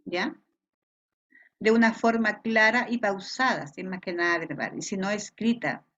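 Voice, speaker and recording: A woman's voice: mid-range voice, a little slow, fairly bright tone, muffled recording. A woman with a Chilean accent teaching an online class, explaining patiently and checking in with frequent questions. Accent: Chilean Spanish. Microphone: video call.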